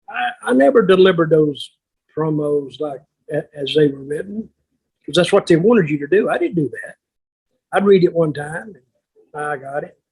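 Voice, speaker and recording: An older veteran wrestler swaps stories on a podcast, telling anecdotes casually in a blunt, salty manner and slipping into remembered exchanges. His husky, raspy voice sits a little high and is slightly mellow. The audio quality is poor.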